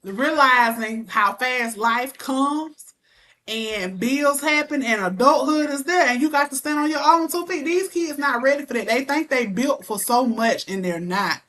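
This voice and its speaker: A young woman chatting casually as an interview guest, telling animated stories full of playful mock threats. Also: high-pitched, unhurried. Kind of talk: casual chat.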